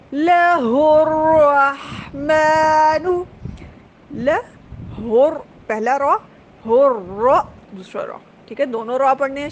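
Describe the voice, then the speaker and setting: A woman teaching Quran recitation, explaining letter sounds patiently and repeating them slowly. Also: a little high, slight background noise.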